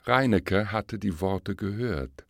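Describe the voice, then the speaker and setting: Male narrator, low and slow, expressive audiobook reading. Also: gravelly, no echo, clean studio sound. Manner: measured, expressive storytelling. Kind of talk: audiobook reading of a verse fable.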